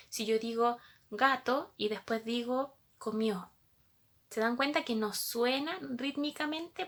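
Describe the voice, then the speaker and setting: A woman's voice: a little high, a bit bright. A woman teacher, patiently explaining a lesson to young pupils and asking them questions as she goes.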